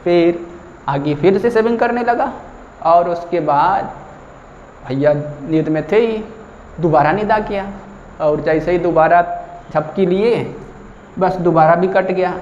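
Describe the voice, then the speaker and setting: A man's voice: sits high, unhurried, long pauses, a little mellow. A male teacher, teaching with stories and asking and answering his own questions. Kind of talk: tutorial lesson with story mnemonics. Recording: echoey, dull lo-fi room with faint noise.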